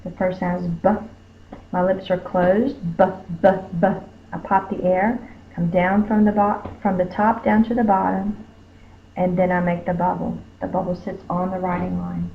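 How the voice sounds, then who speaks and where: A woman teacher, slowly sounding out letters and sounds in a phonics spelling lesson. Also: on the low side, flat delivery, gravelly, a little hiss or hum. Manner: slow, careful, sounding out each letter. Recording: tinny phone-like lo-fi recording.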